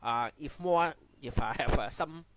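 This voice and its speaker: Halting man with a heavy Cantonese accent. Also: mid-range voice, background noise. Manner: halting, repeats and restarts phrases often. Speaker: amateur YouTube commentator. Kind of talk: unscripted spoken commentary.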